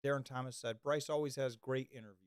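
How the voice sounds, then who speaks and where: A man with a smooth, medium-pitched voice and steady tone talks at a quick pace while hosting a livestream. Chatting casually, he rambles, restarts repeatedly, reads chat comments, and is losing his voice; the studio sound is clean and echo-free.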